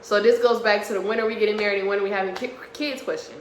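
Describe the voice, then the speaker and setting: A woman in her early twenties co-hosting a casual vlog, blunt and teasing with quick comebacks. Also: medium pitch, fairly even intonation. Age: early 20s. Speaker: vlog co-host. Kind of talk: casual argument on camera. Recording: echoey room with faint hiss.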